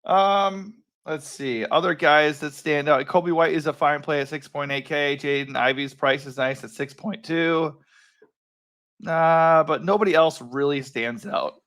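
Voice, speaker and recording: A man with a worn, rough voice hosting a casual solo breakdown of fantasy sports picks, relaxed and rambling, correcting himself with lots of ums. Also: a little high, a little slow. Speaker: fantasy sports analyst host.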